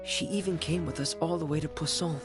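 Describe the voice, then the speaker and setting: A woman voicing a shy, gloomy younger brother in an anime game, soft and halting. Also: sits low, fairly even intonation, music in the background. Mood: subdued, uneasy.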